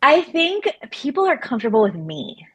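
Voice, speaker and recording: With a high, sing-song, fairly bright voice at a moderate pace, this Floridian woman in her forties speaks as an interview guest. She researches laboratory medicine and keeps it casual and chatty, with frequent fillers, restarts, and easy laughs.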